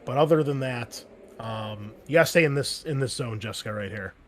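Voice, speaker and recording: Running a tabletop game over a call, a game master speaks a little fast in a mid-range voice. He's loose and chatty, his speech peppered with fillers like "like" and "um."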